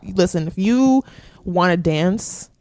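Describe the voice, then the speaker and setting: A woman guest talking candidly in a casual podcast chat, with quick restarts. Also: on the low side, lively intonation, darkish tone, dry recording, studio quality. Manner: candid, chatty, fast restarts. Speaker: guest, exotic dancer.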